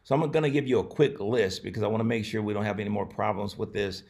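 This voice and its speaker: A man's voice: fairly low pitch, fast, gravelly, a little mellow. A man, a pastor, talking earnestly in a casual live-streamed advice talk, with many fillers and restarts. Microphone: camera, not the usual setup.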